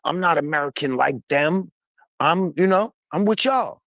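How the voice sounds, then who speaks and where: A man's voice: fairly high pitch, lively intonation, moderate pace, fairly bright tone, no room sound. A man in a casual panel discussion who argues bluntly and heatedly, swearing for emphasis. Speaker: podcast panelist.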